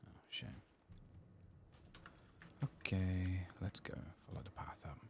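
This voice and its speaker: Speaking in a steady tone, a male ASMR streamer quietly and slowly comments on a game, his low voice carrying a gravelly fry. He frequently slips into a whisper while faint clicks and noise play behind him.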